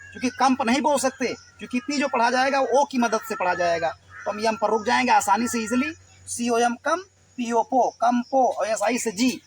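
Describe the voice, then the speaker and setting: Man, teacher, very high pitch, patient, spells out letters one by one. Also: low-quality recording. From Uttar Pradesh, India. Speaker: English reading teacher. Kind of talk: Hindi-language phonics lesson.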